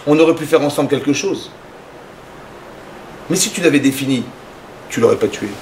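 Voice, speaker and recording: A man giving a lively sermon as a rabbi, acting out little dialogues in his talk. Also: moderate pace, slight background noise. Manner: animated, acts out dialogues with rising pitch.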